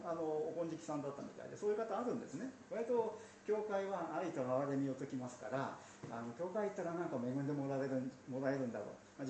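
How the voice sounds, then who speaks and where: A man's voice: fairly high pitch, dark tone, a little hiss or hum. A man preaching a sermon as a pastor, chatty and storytelling, with asides. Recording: roomy sound from a distance.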